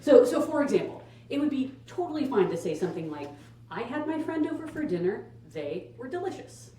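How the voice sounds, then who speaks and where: A woman's voice: a little high, very animated, fairly quick, heavy background noise. A young adult woman performing a stand-up comedy set in a casual, conversational, emphatic way to an audience. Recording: echoey live room, distant microphone. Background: audience laughter.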